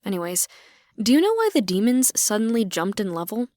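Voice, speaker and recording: A woman narrating a dark fantasy audiobook in first person, with even, wry storytelling. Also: mid-range voice, brisk, no echo. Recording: dry.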